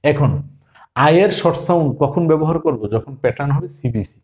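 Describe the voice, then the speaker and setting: A man teaches a phonics lesson in a fairly high voice. He keeps asking his students questions and answering them himself. He spells each word out one sound at a time. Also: brisk, darkish tone. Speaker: English teacher.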